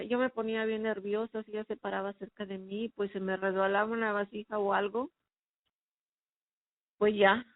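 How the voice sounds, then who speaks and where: A woman's voice: mid-range voice, dry recording. A woman giving a personal faith testimony, recounting her past in an earnest, emotional way. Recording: phone-like narrow sound, dry.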